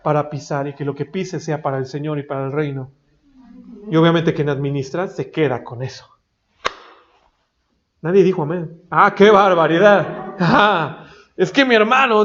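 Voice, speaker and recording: A man preaching a sermon, emphatic and rising into loud exhortation. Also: on the high side. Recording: dull lo-fi recording.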